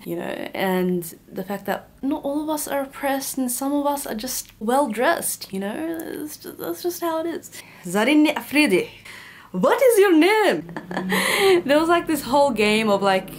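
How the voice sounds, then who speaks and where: A young woman chats through a casual Q&A vlog, joking and adding lively asides as she goes. Her voice sits at an ordinary mid pitch for a woman. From Bangladesh. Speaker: YouTuber.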